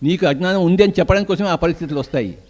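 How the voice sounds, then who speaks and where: A man's voice: sits high, rapid-fire, a little mellow. An older man with a Telugu accent giving an emphatic spiritual discourse as a meditation teacher, asking questions and answering them himself.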